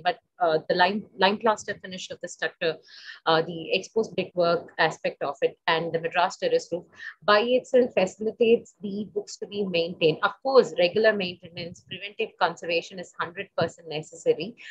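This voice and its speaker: A woman's voice: fairly low pitch, husky, no echo. Woman presenting over a dull video call. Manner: explanatory, pauses often to search for words. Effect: video conference call audio that drops out at times. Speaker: library team presenter. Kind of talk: online webinar presentation.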